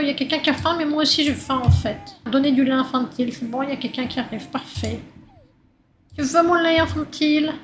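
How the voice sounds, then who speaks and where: High-voiced woman, crude game commentary. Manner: narrates in first person as her baby character, whiny and crude with lots of swearing. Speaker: let's play gamer. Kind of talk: casual gameplay commentary.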